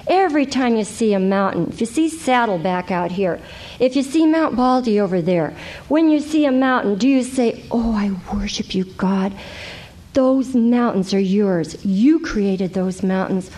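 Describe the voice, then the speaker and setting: A middle-aged woman, teaching a Bible study class in a conversational way, lively and given to exclaiming as she acts out prayers. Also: a little high, normal speed. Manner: animated, exclaiming "ooh" and acting out prayers.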